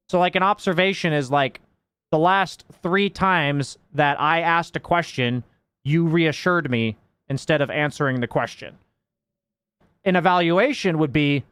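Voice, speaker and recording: A young man speaking with a slightly high voice, recorded dry and close with no room sound. He explains things to his viewers in a loose, rambling way. He keeps restarting and fills his sentences with "like.". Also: a bit bright, dry recording. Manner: rambling, filler-heavy, reflective explaining. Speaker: Dota coach and streamer. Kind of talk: casual chat to stream viewers.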